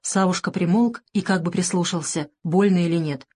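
A woman narrating an audiobook in an even, measured reading voice. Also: on the low side, husky.

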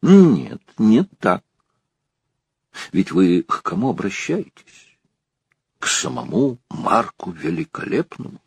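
A man voicing a fussy, pompous stage director who lectures loudly. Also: wildly swooping pitch, takes it slowly, creaky, long pauses, husky, no echo, exaggerated voice. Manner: shrill, lecturing, theatrical.

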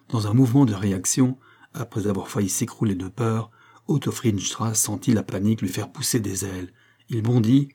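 Low, dark-voiced male narrator. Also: breathy edge. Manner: steady storytelling, raising voice for dialogue. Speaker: audiobook reader. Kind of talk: scripted narration.

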